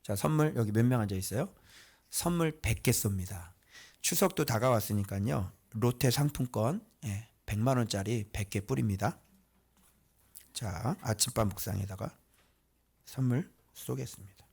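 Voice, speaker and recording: A man preaching a conversational sermon as pastor, teasing the congregation with quick rhetorical questions. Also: medium pitch, vocal fry, slightly rough.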